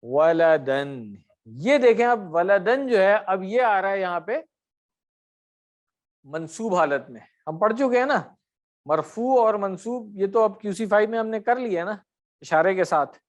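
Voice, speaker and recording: High-voiced man teaching a grammar class. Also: expressive. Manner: corrective, quizzes students by name. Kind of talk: online class lesson.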